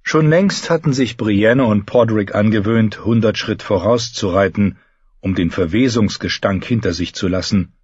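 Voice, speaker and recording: Husky man narrating an audiobook. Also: fairly low pitch, moderate pace, a little mellow, no room sound, muffled recording. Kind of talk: scripted narration.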